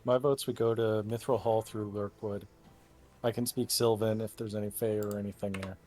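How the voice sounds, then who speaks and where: A man's voice: lowish voice, steady tone, normal speed, a little mellow. A man playing a tabletop game, chatting casually and eagerly about plans. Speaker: player.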